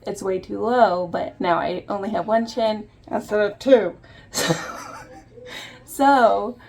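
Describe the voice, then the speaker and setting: A woman's voice: mid-range voice, fairly even intonation, takes it slowly, gravelly, a little mellow. A young woman hosting a casual soap-making vlog, chatty and self-deprecating as she talks through each step. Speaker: soap maker and channel host. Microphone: phone propped on a windowsill.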